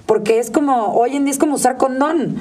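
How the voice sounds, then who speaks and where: A woman with a Mexican accent, a digital rights advocate, speaks as an expert guest in an interview. Her voice sits high, warm and a little fast, picked up by a distant mic. She's emphatic and outspoken, and she mimics other people when quoting them.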